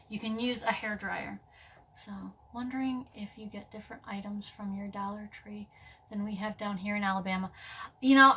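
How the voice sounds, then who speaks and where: Woman, casual craft tutorial, bright voice, slightly distant mic, faint room noise. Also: mid-range voice. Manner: chatty, many fillers, checks in with "okay?". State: losing her voice. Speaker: craft vlogger.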